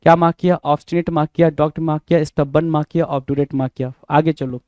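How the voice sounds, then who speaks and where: A man's voice: fairly high pitch, steady tone, fairly quick, no echo, lo-fi sound. A man with an Indian accent teaching English vocabulary for an exam. He repeats each word, spells it out letter by letter, and keeps quizzing his students. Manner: repetitive, spells words letter by letter, quizzes listeners. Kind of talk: exam-prep vocabulary lesson.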